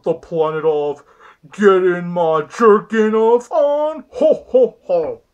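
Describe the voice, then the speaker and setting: A man's voice: sits high, takes it slowly, dull audio. A young man voicing a foul-mouthed, cheerful little toy Santa in an amateur comedy skit. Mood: crude. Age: young adult. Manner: crude, swearing. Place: small bedroom indoors.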